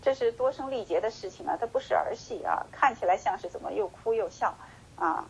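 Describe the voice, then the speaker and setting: A woman teaching a Buddhist sutra lecture, telling the story with lively acted-out dialogue and many drawn-out sentence-final particles. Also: on the high side, creaky, a little hiss or hum, low-quality recording. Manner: slow measured chanting when reading scripture.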